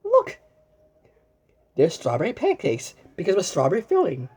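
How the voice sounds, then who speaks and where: This storybook reader is a woman whose lowish, a little mellow, slightly rough voice swoops wildly in pitch. She reads a children's book aloud with lots of exclamation and asides to the viewer, often stumbling over and repeating words. Now and then she asks the listener something and pauses as if getting an answer.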